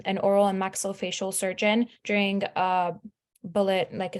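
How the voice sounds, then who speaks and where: A woman in her twenties from Lebanon giving a chatty, upbeat presentation over a video call, with frequent fillers. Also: medium pitch. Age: 20s. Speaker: student speaker.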